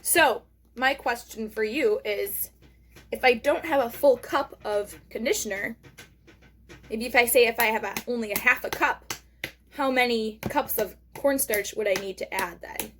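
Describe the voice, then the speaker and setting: Female kids show host, higher register, speaks straight to young viewers, casual step-by-step craft demo, encouraging. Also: a little slow, fairly bright tone, a little hiss or hum. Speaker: host of a children's craft lesson. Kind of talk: hands-on craft demonstration, casual narration.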